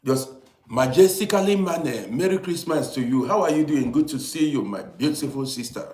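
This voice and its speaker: His fairly high, darkish voice is expressive and moves at a normal speed as this European-resident man from Africa runs a relaxed livestream. He greets viewers by name and repeats himself while chatting, and the audio is reverberant.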